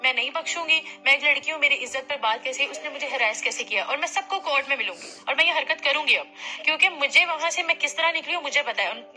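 A woman's voice: high-pitched, fast talker, pushed and bright, soft background music. A young woman, arguing indignantly and insistently on a recorded phone call. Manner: indignant, insistent, repeats herself. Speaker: complaining client on a phone call. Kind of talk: heated phone argument.

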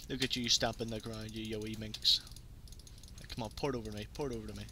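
A man giving live gameplay commentary, excitable and laughing often, getting loud when excited. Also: on the low side, a little fast, slight background noise. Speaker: gaming YouTuber.

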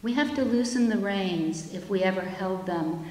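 A woman's voice: medium pitch, dark tone. Woman reading a lecture in an echoey hall. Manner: measured, reflective reading from pages. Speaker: keynote speaker. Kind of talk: reading a prepared lecture aloud. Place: chapel-like indoor hall. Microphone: lectern microphone. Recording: echoey room with long hall reverb.

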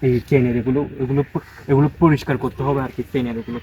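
Fast-talking man chatting outdoors. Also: medium pitch, steady tone, slight background noise, low-quality recording. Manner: rambling, chatty, addresses viewers directly; speaking quietly so neighbours won't hear. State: tired and sweaty from washing a bicycle. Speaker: vlogger. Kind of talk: casual vlog chat. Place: outdoors in a backyard by a pond.

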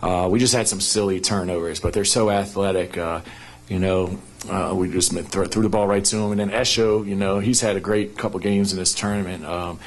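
At an arena press conference, a middle-aged basketball coach answers questions quickly through a table microphone on a stand. His voice is fairly low with fairly even intonation, and he runs his thoughts together with many "you know" fillers and restarts.

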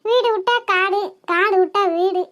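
A woman's voice: very high-pitched, a little slow, voice pushed up. A woman voicing a weary, sarcastic village mother in a cartoon who scolds her daughter. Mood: scolding. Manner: sharp-tongued, sarcastic.

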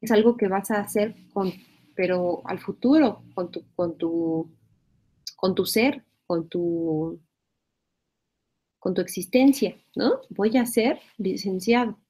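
Calm woman teaching a spelling class. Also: mid-range voice, slow pace. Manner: explanatory, repeats phrases, checks in with "¿verdad?". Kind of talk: spelling lesson.

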